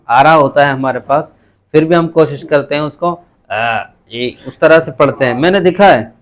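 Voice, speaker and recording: A man teaching a tajweed lesson, patiently repeating letter sounds slowly for students to copy, with English words mixed in. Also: fairly high pitch. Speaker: Quran recitation teacher.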